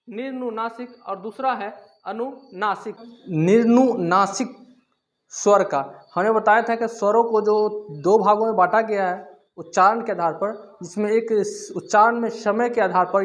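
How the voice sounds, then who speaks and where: High-voiced man teaching a grammar lesson. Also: fairly bright tone. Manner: repetitive, asks and answers own questions. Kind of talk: classroom-style lesson explaining grammar.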